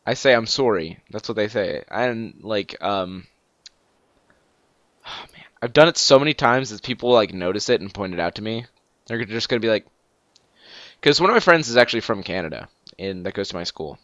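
A teenage boy hosting a casual game let's play, rambling and excitable with lots of fillers and restarts. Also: fairly low pitch, normal speed, long pauses, no room sound. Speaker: gaming channel host. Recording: dull lo-fi dry mic.

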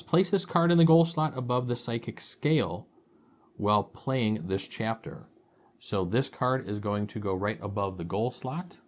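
A man casually explaining a board game's rules step by step and reading its story aloud, with frequent ums. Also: on the low side. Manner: casual, methodical, with filler ums. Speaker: board game video host.

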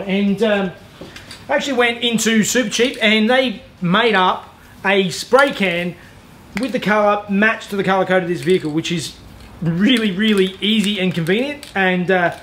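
A high-voiced Australian DIY car repair host in his thirties shows a body repair in his garage workshop in a hands-on tutorial with voice-over, miked with a lapel mic. His delivery is relaxed, practical, and self-deprecating, peppered with "uh."

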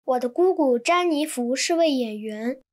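A woman reading translated textbook sentences in an even, clear manner. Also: high voice, normal speed. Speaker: Chinese translation reader.

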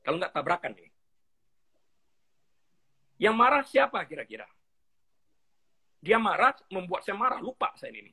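A middle-aged pastor with a husky, slightly high voice speaks at a moderate pace with frequent pauses in a relaxed, conversational teaching interview. He tells stories animatedly, acting out little dialogues and mixing in English phrases.

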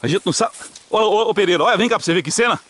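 A man with a Brazilian caipira country accent giving casual, excited, jokey fishing commentary outdoors from behind a handheld camera. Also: sits high, racing. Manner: animated, jokey, exclamatory. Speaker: vlog host and cameraman. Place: open hillside pasture by ponds, outdoors.

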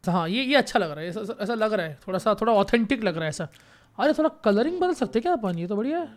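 Here a gaming YouTuber, a young man with a high-pitched voice, gives casual, jokey commentary over his gameplay. He gets excited and repeats phrases in rapid bursts.

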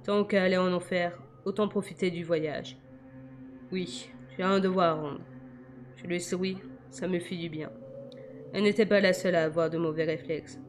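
A woman reads a novel aloud in a measured, quiet first-person narration. Her voice sits on the low side for a woman. Soft music plays faintly in the background. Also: fairly even intonation. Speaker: audiobook reader.

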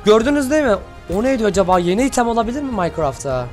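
A man hosting his channel, giving excited reaction commentary and shouting at the screen in casual slang. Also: high-pitched, very fast, faint music behind. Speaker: channel host reacting to an animation.

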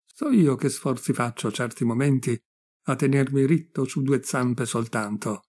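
A man's voice: medium pitch, a little slow, natural voice. A man reading aloud, voicing a boisterous, joking middle-aged man who teases an old friend. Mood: exuberant. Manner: joking, lively, teasing. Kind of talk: audiobook reading.

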